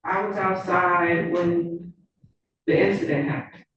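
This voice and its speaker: A woman's voice: fairly low pitch, steady tone, slow, a bit bright, slight background noise. A woman giving formal testimony as a witness in brief, reserved answers. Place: indoor courtroom witness box. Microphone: courtroom microphone. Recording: very echoey room, distant dull mic.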